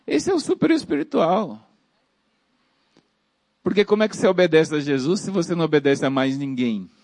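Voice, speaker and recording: A man's voice: on the high side, animated, moderate pace, a little mellow, no room sound. A man preaching a sermon emphatically, repeating phrases and calling out to the congregation.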